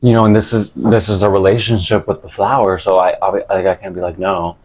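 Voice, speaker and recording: Male vlogger, low-pitched voice, loose sweary slang, casual rambling monologue. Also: little pitch movement, a little fast, a little mellow, slight background noise. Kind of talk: casual rambling chat to camera.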